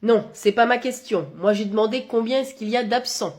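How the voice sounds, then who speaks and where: A woman performing comedy sketches, talking in a lively, exasperated scolding way. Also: fairly high pitch, brisk.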